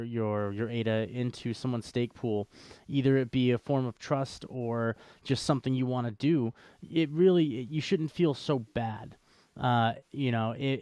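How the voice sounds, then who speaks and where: He's one of the co-hosts on a casual, unscripted crypto show, rambling about cryptocurrency, repeating phrases for emphasis and tossing in dry jokes. The recording is dry, and his mid-range voice has a dark, clean tone.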